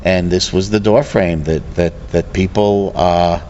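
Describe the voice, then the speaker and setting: Before a program begins at an event venue, a local arts program representative, a middle-aged American man, chats in a casual interview. His deep voice is steady and a little mellow, and he speaks earnestly but haltingly, often looping back mid-sentence. The sound is dull, noisy and somewhat muffled, as is typical on location.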